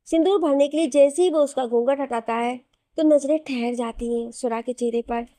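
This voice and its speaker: A woman storyteller narrating a dramatic story in a steady, scripted way. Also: sits high, normal speed, no echo, clean studio sound.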